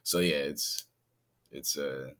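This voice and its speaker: Speaking very slowly, this man has an extremely low, fairly bright voice with fairly even intonation. He's a San Diego-born rapper calling in remotely from his Hawaii home, relaxed and quick to laugh as a podcast guest.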